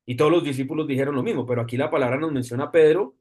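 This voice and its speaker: A man preaching a sermon in an animated way, slowing down for emphasis and acting out the people he quotes. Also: mid-range voice. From Colombia. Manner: animated, acts out quotes with dramatic slow emphasis.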